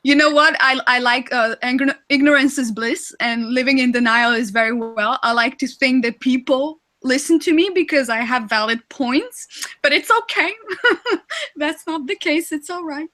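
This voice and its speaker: A young woman talking as a guest on a casual podcast, playful and quick to giggle. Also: high-pitched, pushed and bright. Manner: giggly, playful, slow-spoken. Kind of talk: casual chat.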